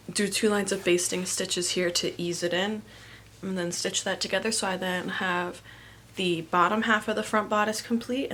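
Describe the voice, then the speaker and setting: A woman's voice: lowish voice, a bit bright, a little hiss or hum. A young woman from New Jersey, chatting casually and rambling through a sewing voiceover, with lots of "like" as she talks. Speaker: sewing and cosplay vlogger.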